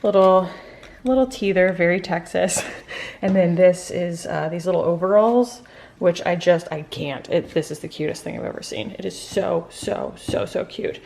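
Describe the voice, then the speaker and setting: A woman's voice: fairly low pitch, moderate pace, vocal fry, darkish tone, slight background noise. A young woman talking casually to her camera at home, rambling and laughing often as she trails off mid-sentence. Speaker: vlogger. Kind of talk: casual vlog chat to camera.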